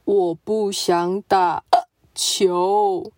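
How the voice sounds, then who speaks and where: A woman voicing a serious, proud male zebra who speaks slowly, his words broken by hiccups. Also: mid-range voice, flat delivery, a little mellow, no room sound, studio quality, pitched below the performer's own voice. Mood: stiff, hiccupping. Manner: slow, broken by hiccup sounds.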